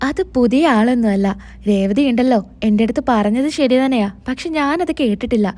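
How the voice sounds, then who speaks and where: A woman's voice: fairly high pitch, brisk, dark tone, lightly acted. Woman voicing a puzzled young wife. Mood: explaining. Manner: explaining, apologetic.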